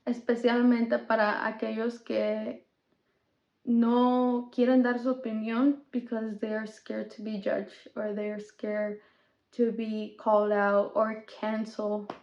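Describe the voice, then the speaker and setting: A woman's voice: on the high side, level tone, slow pace. Chatty young woman, echoey room. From Mexico. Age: 20s. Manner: chatty, code-switching, with small laughs. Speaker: podcast host. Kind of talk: casual chat mixing English and Spanish. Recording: echoey room, dull lo-fi sound.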